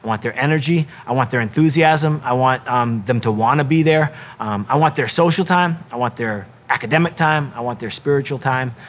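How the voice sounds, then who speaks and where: A middle-aged man, a wrestling coach, speaks earnestly in a devotional talk at an ordinary mid pitch. He keeps pausing on ums and restarting his sentences. Now and then he slips into the voices of the people he quotes.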